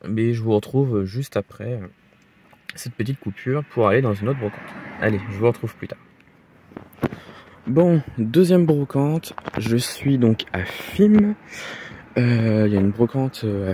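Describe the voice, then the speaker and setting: Man, casual vlog talk, halting, lots of fillers, repeats himself, medium pitch, faint background hiss. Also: warm tone. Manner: halting, filler-heavy, repeats "très, très" and "voilà". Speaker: vlogger showing model car finds. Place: flea markets and indoors at home.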